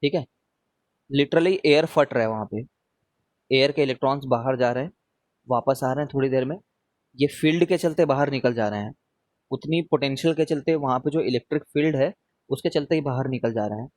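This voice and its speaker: A man's voice: medium pitch, a little fast, a little mellow, no room sound. A man teaching a live online revision class, talking casually and often checking in with his students as he answers their questions.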